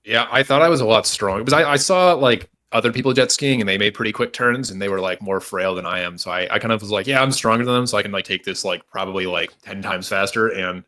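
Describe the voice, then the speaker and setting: Fast and with hardly any pauses, a young podcast co-host's bright, forceful, lowish voice runs through self-mocking stories about his own life. It's a rambling, casual chat heavy on "like" and "dude."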